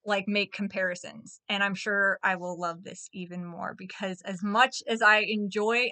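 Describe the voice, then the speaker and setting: Woman, 30s, book vlogger; casual and gushing, lots of fillers, crisp tone. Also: mid-range voice, sharp tone. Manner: chatty, gushing, full of fillers.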